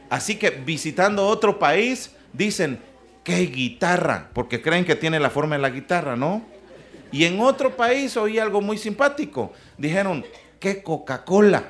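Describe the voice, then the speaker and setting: A man preaching a sermon in a church, lively, with humorous asides and questions to his listeners. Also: fairly high pitch.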